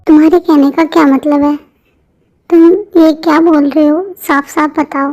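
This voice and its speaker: A woman's voice: sits high, flat delivery, moderate pace, natural voice. A woman voicing a worried, fierce middle-aged mother in an amateur fan dub drama, speaking anxiously and scoldingly. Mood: anxious, angry. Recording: muffled lo-fi audio with soft music.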